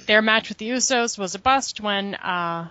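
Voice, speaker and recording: A woman's voice: mid-range voice, moderate pace, bright, forceful tone, no room sound. A woman talks through a recap in a casual chat, dry and sarcastic in her asides. The sound is close and dead, with a slightly dull, lo-fi quality. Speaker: podcast co-host recapping wrestling.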